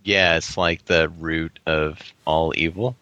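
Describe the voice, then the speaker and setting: A man in a casual chat, tossing in quick wisecracks. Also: rumbling low, steady tone, pushed and bright, dry recording, dull audio.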